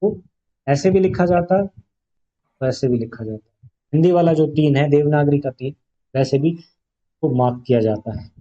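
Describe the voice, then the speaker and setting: A man teaching grammar to a class, his voice pitched a little high with a warm, mellow tone. He explains patiently and keeps asking rhetorical questions. The recording sounds dull and lo-fi, like a classroom capture. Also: normal speed, pauses often. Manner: explains patiently, poses rhetorical questions, stretches vowels to demonstrate.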